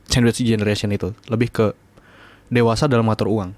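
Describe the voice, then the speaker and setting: A man's voice: fairly low pitch, level tone, brisk, a little mellow, no echo. Laid-back young man hosting a podcast. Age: 20s. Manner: laid-back, slangy, laughs easily. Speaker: podcast host. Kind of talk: casual late-night chat.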